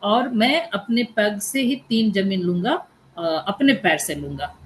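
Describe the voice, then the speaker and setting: A woman's voice: medium pitch, lively intonation, measured pace, slight background noise, lightly acted. Give me a woman doing a humble boy sage in a storybook legend.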